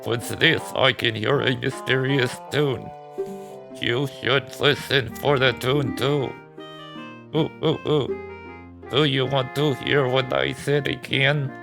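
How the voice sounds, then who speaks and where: A man voicing an old male owl guide in a put-on robot voice, slow and flat, over game music. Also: mid-range voice, gravelly. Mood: robotic, droning. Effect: put-on robot voice, done by mouth. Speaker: gameplay commentator. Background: video game music.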